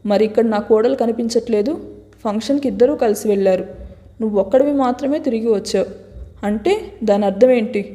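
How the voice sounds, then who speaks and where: A woman's voice: brisk, dark tone, lightly acted. Woman reading a stern wheelchair-bound father. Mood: angry reproach. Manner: booming, reproachful. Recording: long hall reverb.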